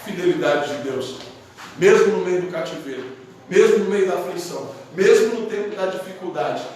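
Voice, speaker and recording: A man with a fairly high voice tells a sermon as a lively, colloquial story, slipping into the characters as he goes. He is heard from far off, in a very echoey hall with heavy reverb. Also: moderate pace, slight background noise. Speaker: pastor.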